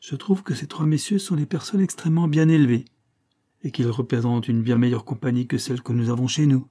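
A man's voice: medium pitch, a little fast, mellow, close to an everyday voice. A man reading aloud and voicing a wife who answers curtly and coldly, with arrogance. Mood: haughty. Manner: curt, cold, arrogant. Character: haughty wife, cold and imperious.

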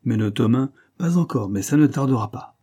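A man voicing a gruff, boastful aging police commissioner in an audiobook, speaking raised and emphatic with a sardonic edge. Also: mid-range voice, lively intonation, brisk, dark tone.

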